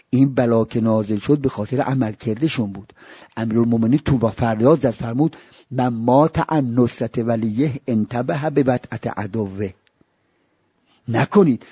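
A man preaching a religious sermon, telling stories and breaking into high wailing cries and chanted verses. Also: husky, no echo. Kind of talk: Shia religious sermon with storytelling.

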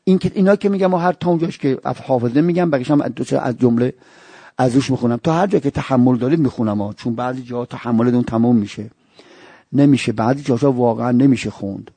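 A man preaching a religious sermon, telling stories and breaking into high wailing cries and chanted verses. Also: mellow, breathy edge, no room sound. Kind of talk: Shia religious sermon with storytelling.

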